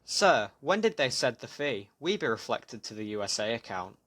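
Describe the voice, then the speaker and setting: Man putting on a terse scammer voice, slow, blunt, broken English, mid-pitched and dry. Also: no room sound. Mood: demanding. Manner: curt, broken-English demands, slow and flat. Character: terse demanding male email scammer.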